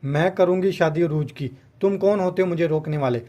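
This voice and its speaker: A man's voice: on the high side, a little fast, warm tone, natural voice. A man voicing a harsh, stubborn middle-aged aunt who scolds the family, in a storybook reading. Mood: angry.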